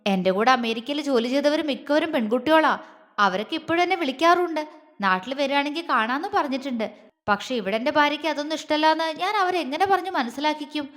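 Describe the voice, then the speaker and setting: A woman voicing a teasing but doting young husband who speaks gently and coaxingly, with a long hall reverb. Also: high voice, lively intonation, quick pace.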